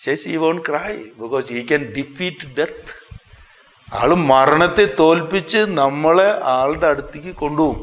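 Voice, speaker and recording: Expressive Malayali priest in an echoey hall. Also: male voice. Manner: expressive, with sudden swings in pitch and loudness; slows down sharply to stress phrases. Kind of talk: sermon.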